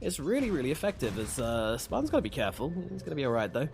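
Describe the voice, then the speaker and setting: A man casting an esports match, jokey and given to loud bursts of excitement. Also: mid-range voice, very fast, vocal fry, a little hiss or hum. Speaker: esports caster. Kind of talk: play-by-play commentary.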